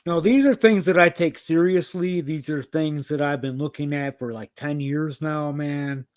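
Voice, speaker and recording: A man in his fifties chatting bluntly on a livestream, swearing freely and swinging from calm talk to heated outbursts. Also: fairly high pitch, moderate pace, no room sound, studio quality. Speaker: livestreamer sharing news of predator cases. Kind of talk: casual livestream chat. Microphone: video call.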